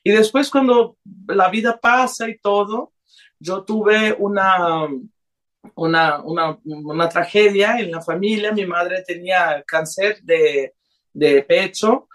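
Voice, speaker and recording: A woman's voice: mid-range voice, slow. A woman, a singer telling her life story earnestly in a radio interview, with hesitant restarts. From Brazil and Honduras.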